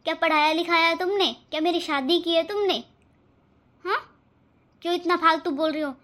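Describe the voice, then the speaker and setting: Woman playing a young cartoon wife, hurt, pleading, very high voice. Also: normal speed, close to an everyday voice. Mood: defiant. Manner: pleading, tearful. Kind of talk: cartoon voice acting.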